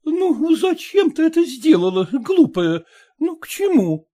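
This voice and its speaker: A man's voice: very high voice, very animated, a little slow, dark tone, exaggerated voice. A man voicing a scolding, fussy middle-aged mother, reading a story aloud in a nagging tone. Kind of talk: audiobook character voice.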